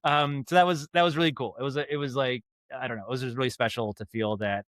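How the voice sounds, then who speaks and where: Speaking quickly at a medium pitch, the audio drama writer and director from Maine tells rambling stories as a podcast guest. The recording is dry, with clean studio sound. His American accent comes through as he acts out animated side remarks in this casual interview.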